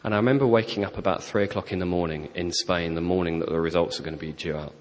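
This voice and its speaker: Low-voiced preacher telling his story, echoey church hall. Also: quick pace. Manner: storytelling, animated, self-deprecating humour. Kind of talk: sermon testimony. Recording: long hall reverb.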